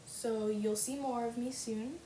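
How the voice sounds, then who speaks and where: A woman's voice: a little high, steady tone, a little slow, mellow. A young woman chatting in a casual fan vlog, gushing and full of fillers. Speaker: fan vlogger. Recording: roomy webcam audio with faint hiss.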